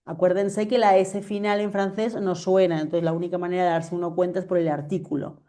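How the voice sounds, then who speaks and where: Lady teacher on a video call, warm mellow voice, keeps asking if everyone follows. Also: on the low side, level tone, a little fast. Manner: patient, checks understanding often. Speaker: French teacher. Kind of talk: online class explanation.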